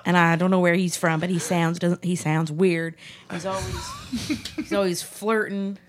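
A woman's voice: fairly low pitch, flat delivery, moderate pace, a little hiss or hum, close to an everyday voice. A woman playing a ditzy young Texan lifeguard in an improvised comedy interview, rambling and giggling as she talks. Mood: gossiping. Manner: giggly, rambling, laughs often mid-sentence. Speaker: improv character being interviewed.

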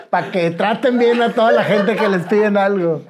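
A woman hosting an interview, reacting quickly and chatting with her guest. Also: medium pitch. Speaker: interview host. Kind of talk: conversational interview.

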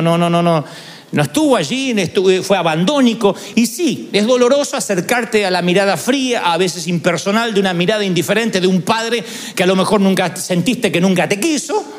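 A man preaching a sermon, telling stories with humorous asides. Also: high voice.

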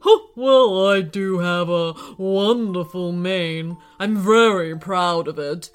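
A woman doing a big, calm jungle animal. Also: on the low side, slow pace, smooth. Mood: vain, pleased. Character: big wise gorilla, later a vain lion.

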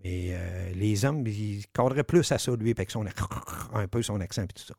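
A man with a Quebec French accent telling a story on the radio, animated, swearing and acting out the dialogue. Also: lowish voice, moderate pace, gravelly, dry recording, clean studio sound.

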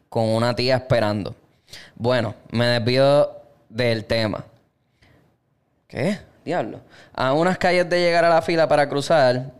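A man's voice: medium pitch, smooth. A young man with a Puerto Rican accent, reading listener stories aloud and chatting in slangy, profane banter as a podcast co-host. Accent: Puerto Rican Spanish. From Puerto Rico.

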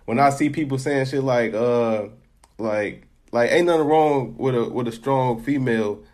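A man's voice: medium pitch, normal speed, a little mellow. A man hosting a podcast, talking in a laid-back slangy way, often repeating words as he thinks. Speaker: podcast host. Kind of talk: casual podcast chat.

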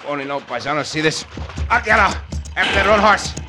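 An actor playing a dashing, courteous Mexican cowboy hero with a Mexican accent in an old-time radio western, theatrical and commanding. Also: male voice, fairly high pitch, animated, fairly quick, loud music behind the voice, close to an everyday voice. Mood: urgent. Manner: theatrical, commanding, formal phrasing. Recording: noisy vintage radio drama recording.

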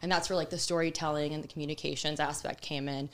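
Woman from Miami, podcast guest, casual interview chat, bubbly, lower voice. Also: fairly even intonation. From Miami, USA. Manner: bubbly, chatty, quick to laugh.

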